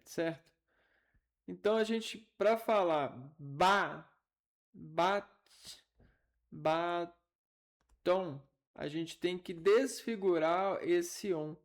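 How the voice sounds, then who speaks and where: Slow, gravelly man teaching. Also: fairly high pitch, a little mellow. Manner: halting, thinking aloud, repeating syllables. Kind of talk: informal linguistics lesson.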